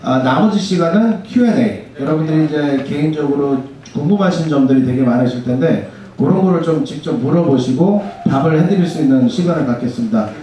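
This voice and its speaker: A man's voice: fairly high pitch, lively intonation, brisk, mellow. A man hosting a seminar with a polite, hesitant introduction, switching now and then into English. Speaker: seminar host. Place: large echoey indoor room. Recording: very echoey room, distant, faint noise.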